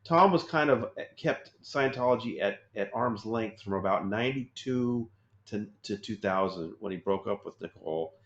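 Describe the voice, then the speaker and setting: A man's voice: fairly low pitch, animated, normal speed, a bit bright. A man hosting a podcast in casual interview chat, conversational and steering the questions. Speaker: podcast host. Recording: roomy, dull lo-fi sound.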